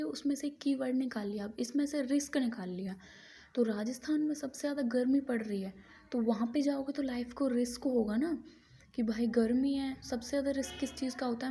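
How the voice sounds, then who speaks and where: A young woman tutoring for competitive exams in a casual explainer video, speaking softly and patiently, step by step. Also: on the high side, slight background noise. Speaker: exam-prep tutor.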